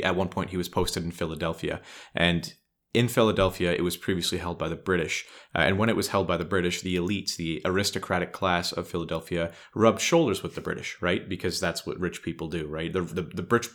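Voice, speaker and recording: Very deep-voiced man telling history casually. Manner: animated storytelling with many "right?" tags and acted-out quotes. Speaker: podcast co-host.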